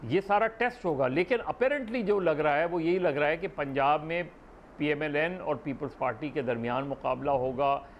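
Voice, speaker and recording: A man giving deliberate, hedged political analysis as a talk show guest, thinking aloud as he speaks. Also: a little high, muffled recording, slight background noise.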